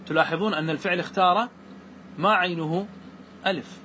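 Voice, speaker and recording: A man with a slightly raised pitch teaches a classroom grammar lesson. He recites verse lines slowly and deliberately, then breaks them down and keeps checking that his students follow. A faint hum of room noise sits behind his voice. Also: sharp tone. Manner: checks understanding with repeated questions to students.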